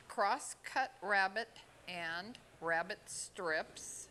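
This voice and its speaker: A woman from Oregon giving an unhurried step-by-step fly tying demonstration at an expo. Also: medium pitch, bright, forceful tone, a little hiss or hum. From Oregon, USA. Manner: unhurried, plain instructional talk with pauses. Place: expo hall.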